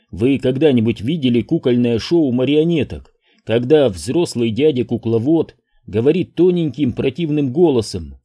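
Man reading a tense first-person audiobook, husky and mellow. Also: medium pitch. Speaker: audiobook narrator.

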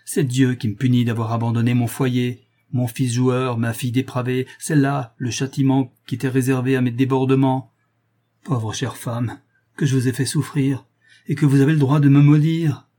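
A man's voice: mid-range voice, level tone, moderate pace, few pauses, mellow, lightly acted. A man voicing a raging, weeping old marquis. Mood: anguished. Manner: thundering then weeping. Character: raging, grief-stricken aristocratic father, middle-aged man.

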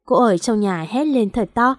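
Woman narrator, romance audiobook, fairly high voice, dry close recording. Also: normal speed, no room sound. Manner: steady, storytelling.

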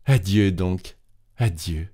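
A man voicing a kind, grateful swallow in a storybook, speaking gently and coaxingly in a low voice. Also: slow pace. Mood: gentle.

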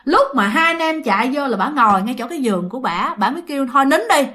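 A woman tells a ghost story in a chatty way, often speaking straight to her listeners. Her voice is high and bright, and it swings widely in pitch. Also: lively intonation, fast talker. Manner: chatty, addresses listeners directly.

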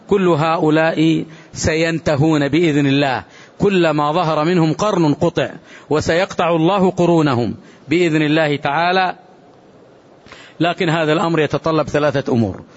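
Fervent high-voiced man teaching. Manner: grows fervent and emphatic, with long rising supplications. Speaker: Islamic scholar teaching a book. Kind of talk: religious lecture. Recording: dull lo-fi recording.

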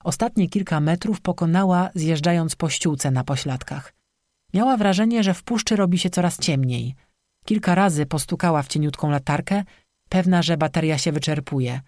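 Steady audiobook narrator, dry close sound. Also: mid-range voice, moderate pace, no echo.

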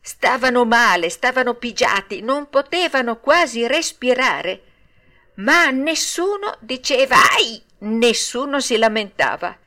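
A woman narrating a classic children's story with a lively, expressive reading. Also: a little high, a little slow. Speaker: audiobook narrator.

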